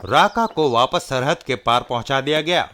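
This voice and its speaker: A man's voice: mid-range voice, moderate pace, sharp tone. A man narrating a comic-book story in a dramatic, scripted style.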